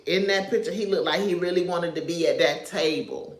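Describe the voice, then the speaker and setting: Speaking briskly at a fairly low pitch, with reverb around her, this social media commentator chats through a livestream. The New York woman, raised in North Carolina, often drifts off topic and laughs softly.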